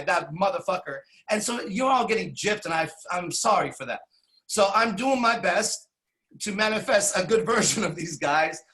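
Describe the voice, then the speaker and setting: His voice sits high and sounds a bit bright as the Iranian podcast host, in his forties, delivers a frank storytelling monologue. The profane, meandering tale is packed with restarts and tag questions.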